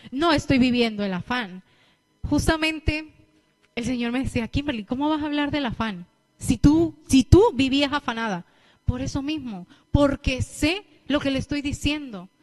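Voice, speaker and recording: A young woman preacher with a Latin American Spanish accent, giving a lively sermon and acting out what people say. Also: high-pitched. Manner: lively storytelling, acting out quotes.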